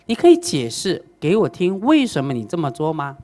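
A woman's voice: low voice, huge pitch swings, brisk, dark tone, heavily acted. A woman voicing a grieving old fisherman father who pleads emotionally with his teacher. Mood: distressed.

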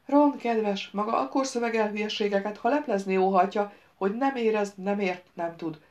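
A woman reading the part of a sharp-tongued young woman, a former bodyguard, with a cool, cutting manner, in an audiobook. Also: mid-range voice, close to an everyday voice.

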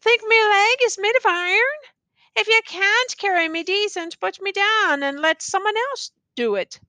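A woman's voice: extremely high pitch, moderate pace, pushed and bright, no room sound, pitched above the performer's own voice. A woman voicing a peevish wounded male army officer who bellows complaints at the men carrying him, in a storybook reading.

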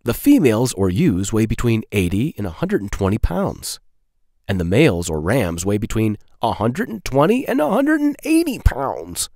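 Reading for small children in the manner of a storytime host, a thirtysomething man uses plain, clear phrasing and huge pitch swings at a moderate pace. His tone is on the darker side. It's recorded up close and dry, with no room sound at all.

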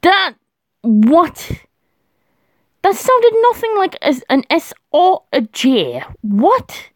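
A woman's voice: high voice, very animated, slow, no room sound. A woman vlogger chatting casually to herself as she works through a quiz, laughing often. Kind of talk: casual thinking aloud while doing a language quiz.

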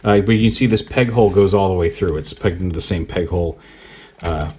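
A man giving a relaxed, rambling hands-on toy review, thinking aloud as he poses the figure. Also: low-pitched, fast talker, slight background noise. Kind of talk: casual hands-on product review.

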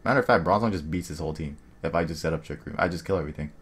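A young man casually commentating his own online game, thinking aloud and muttering quick asides to himself. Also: very deep voice. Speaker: gaming video creator. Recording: faint music underneath.

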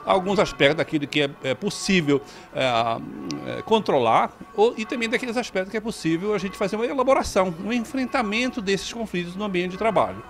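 A man's voice: high voice, animated, brisk, few pauses. Lecturer, 60s man, reflective interview, faint music behind. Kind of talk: explanatory interview. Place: indoor event hall. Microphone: handheld reporter mic.

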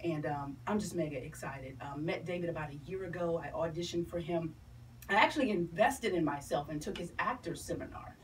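Her low-pitched voice running fairly quick, a middle-aged woman who entertains and produces stage plays chats enthusiastically and emphatically in a promotional radio interview. The recording comes from a camera across a small radio studio, with a distant mic and noisy room sound.

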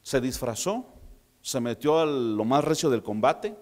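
A man from preaching a sermon, retelling a story with lively, humorous asides to his congregation. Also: medium pitch, unhurried, in a large hall. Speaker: pastor.

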